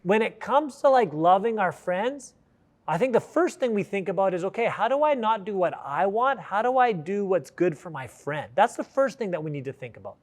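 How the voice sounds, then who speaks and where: A man's voice: high-pitched, animated, moderate pace. A middle-aged man giving a youth sermon, earnest and conversational, with many likes and restarts. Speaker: youth pastor.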